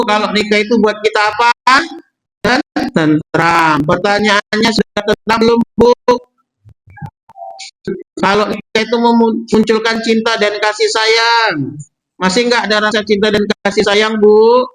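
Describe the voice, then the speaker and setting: A man's voice: sits high, a little slow, a bit bright, rough recording. A male preacher with a Javanese accent giving a mosque sermon, asking the congregation rhetorical questions and breaking off words to repeat them for emphasis.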